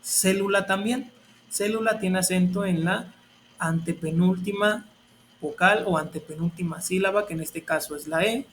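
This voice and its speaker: High-voiced teacher explaining patiently. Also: male voice, normal speed, a bit bright, slight background noise. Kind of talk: explaining a grammar lesson.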